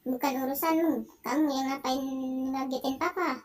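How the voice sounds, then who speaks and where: A weary, strict father from a video game scolds slowly and firmly, voiced by a young gamer. The voice stays high but the delivery is measured and stern. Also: steady tone, natural voice. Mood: scolding. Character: stern tired father scolding his daughter. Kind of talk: game dialogue read aloud.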